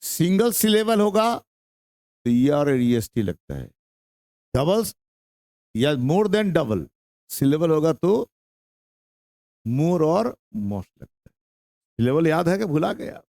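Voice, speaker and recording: A man's voice: a little high, sing-song, takes it slowly, pauses often, a little mellow, no room sound, studio quality. A young man with a Bihari Hindi accent teaching an English grammar lesson to a class, drawing out his words and repeating questions and answers.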